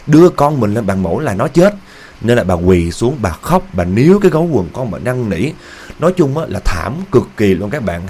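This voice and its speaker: A man telling a horror story to viewers in a casual, emphatic way. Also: lowish voice. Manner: animated, emphatic repetition.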